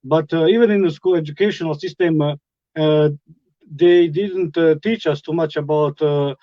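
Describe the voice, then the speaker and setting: A middle-aged man from Bosnia with a Bosnian accent, telling his life story as a guest, halting with many fillers and restarts. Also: a little high, no room sound, muffled recording. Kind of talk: personal testimony.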